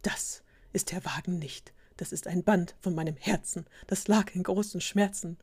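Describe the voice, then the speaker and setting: A woman voicing a devoted, heartbroken male servant in a hushed, dramatic whispered role-play. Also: fairly low pitch, steady tone, moderate pace, breathy edge. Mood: solemn.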